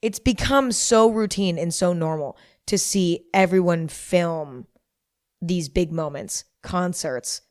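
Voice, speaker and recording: Hungover girl rambling on her podcast, kinda low voice, repeats stuff for emphasis, super dry recording. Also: takes it slowly, no echo. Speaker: podcast host. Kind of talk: casual rambling monologue.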